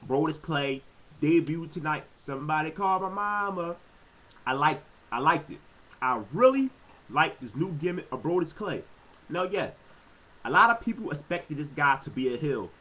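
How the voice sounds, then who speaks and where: A man casually giving his own commentary on wrestling episodes, animated and quick to exclaim. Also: on the high side, low-quality recording. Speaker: wrestling fan vlogger.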